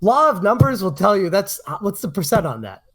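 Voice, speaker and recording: Man, podcast host, lively swinging pitch, casual commentary, emphatic, repeats points. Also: fairly quick, breathy edge.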